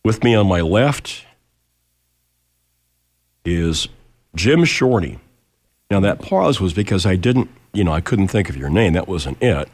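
An American man hosting a casual live radio show in a halting, folksy way, his voice nasal as he recovers from losing it. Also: low voice, expressive, darkish tone, dry recording. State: recovering from lost voice.

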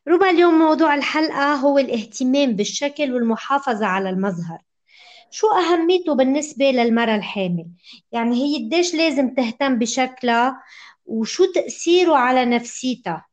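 A woman with a Lebanese accent hosting a show and interviewing her guests. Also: high-pitched. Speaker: show host.

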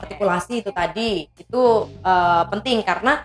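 Woman, podcast guest, explanatory, casual chat, mid pitch, faint background music. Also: a little fast. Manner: explanatory, animated demonstrations. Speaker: guest speaker on public speaking. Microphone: podcast mic.

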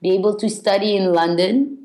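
A woman from Belgium, a guest on a podcast interview, speaking reflectively and haltingly with many fillers. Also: medium pitch, fairly even intonation, mellow, reverberant.

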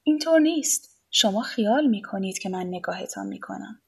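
A calm, needling artist in an audiobook, unbothered and faintly amused, as a woman reading aloud gives him voice. The tone stays husky and slightly breathy, pitched at an ordinary middle height. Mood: teasing. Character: aloof, mocking male artist on a cliff.

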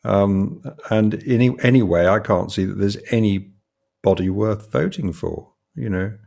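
A man's voice: lowish voice, measured pace, vocal fry, a little mellow. An older man co-hosting a podcast, talking hesitantly with many fillers. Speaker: podcast co-host. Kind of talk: casual podcast chat.

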